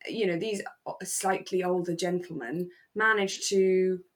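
A British woman co-hosts a podcast, chatting casually and reflectively about a radio drama. Her voice is lowish, with a steady tone and a measured pace.

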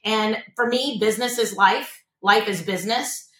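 A woman who owns an insurance agency chats casually as a podcast guest, speaking at a normal speed in a slightly bright, high-leaning voice. She discusses her work earnestly and motivationally, often repeating words as she begins a thought. The room is echoey and the audio is poor.

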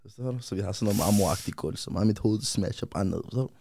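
A young man from Amager, Denmark, telling a personal story in a casual chat, animated and often checking that the listener follows. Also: on the low side, creaky. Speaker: guest, rapper.

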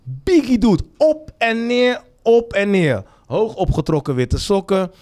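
A man's voice: sits high, very animated, measured pace, darkish tone. A man hosting a bar podcast, telling a story casually with slang and laughter. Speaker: podcast host.

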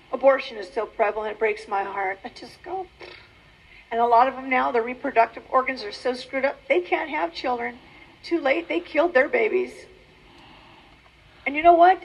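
High-voiced woman giving an emotional testimony. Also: vocal fry, breathy edge, low-quality recording. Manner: earnest, emotional, with halting restarts. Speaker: former adult-film performer giving a testimony. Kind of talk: personal testimony talk.

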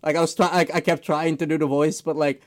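Young male podcast host, high voice, loose rambling chat among friends. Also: flat delivery. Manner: rambling, halting, restarts and filler words.

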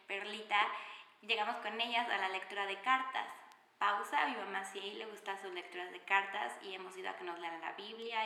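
A young woman from Mexico City with a Mexican Spanish accent, hosting a podcast and chatting enthusiastically about her own story. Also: medium pitch. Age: young adult. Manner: chatty, warm-hearted and enthusiastic, many fillers. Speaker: podcast host. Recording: echoey room with reverb.

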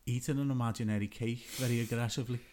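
A young man telling a story in casual chat, animated and laughing often, acting out what other people said. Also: medium pitch, fast.

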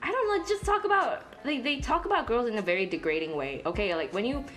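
A woman's voice: a little high, lively intonation, quick pace, a bit bright, soft background music. A young woman from Indonesia co-hosting a podcast, talking bluntly, swearing freely and mixing in Indonesian words. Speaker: podcast co-host. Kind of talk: casual chat.

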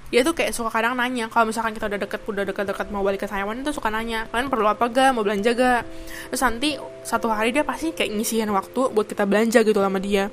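A woman's voice: a little high, racing, faint music behind. A young woman from Indonesia, chatting casually to camera, full of fillers and bits of English. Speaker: vlogger.

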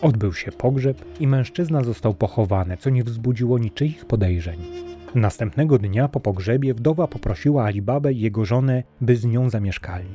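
A man narrating a fairy tale in a steady, even storytelling manner. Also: medium pitch, moderate pace, soft background music.

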